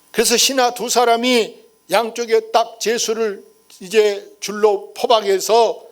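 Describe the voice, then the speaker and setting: A male pastor preaching a sermon, telling a story and addressing the congregation directly. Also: sits high.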